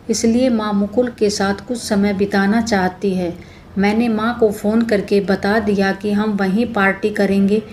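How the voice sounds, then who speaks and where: Woman narrator as a devoted middle-aged mother, brisk and practical, her own voice barely changed. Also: medium pitch, a little mellow, slight background noise, close to an everyday voice.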